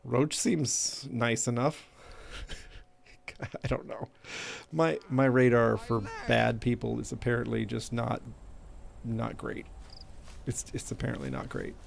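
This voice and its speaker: A man with a creaky, mid-pitched voice does casual game-stream commentary. He thinks aloud in a self-deprecating way, with faint noise behind him. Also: steady tone, unhurried.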